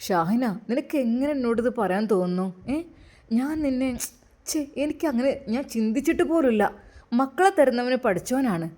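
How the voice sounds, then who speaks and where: A woman voicing a gentle, loving young husband in an amateur story drama. She speaks in a Malappuram Malayalam accent, soft and soothing. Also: fairly high pitch, lively intonation, moderate pace, lightly acted.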